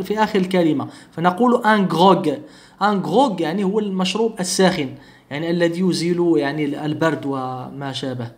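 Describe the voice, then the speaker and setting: Guy teaching phonetics, kinda high voice, slow and careful, repeats every sound. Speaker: French teacher. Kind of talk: phonetics lesson.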